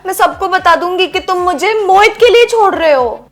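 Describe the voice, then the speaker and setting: A young woman playing the wife in a comedy sketch, nagging and full of questions. Her voice is extremely high, and music is clearly audible in the background. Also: expressive, normal speed, a bit bright. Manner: naggy, questioning. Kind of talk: scripted comedy sketch dialogue.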